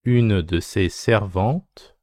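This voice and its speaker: Male teacher dictating: lowish voice, very slow phrase-by-phrase delivery, punctuation read out. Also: dark tone, no echo, clean studio sound. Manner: dictating slowly phrase by phrase, punctuation spoken aloud. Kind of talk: dictation reading, repeated short phrases.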